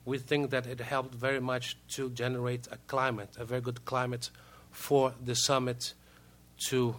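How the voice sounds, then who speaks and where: Halting Brazilian man speaking broken English. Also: mid-range voice, little pitch movement, fairly bright tone. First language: Portuguese. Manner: halting, frequent hesitations and repeated words. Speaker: diplomat, panel speaker. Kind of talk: formal prepared remarks.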